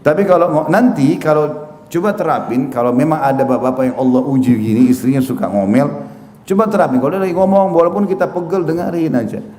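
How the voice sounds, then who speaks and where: A man giving a religious lecture on a microphone, moving from recited scripture into joking, lively stories with quoted voices. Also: a little high, fast talker. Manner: humorous, animated storytelling with quoted voices. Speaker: preacher. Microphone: handheld or stand mic. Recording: echoey hall with faint noise.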